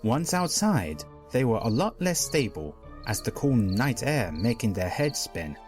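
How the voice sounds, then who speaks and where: A man narrating a pony fanfic story as a dramatic reading, expressive throughout. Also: mid-range voice, measured pace, soft background music.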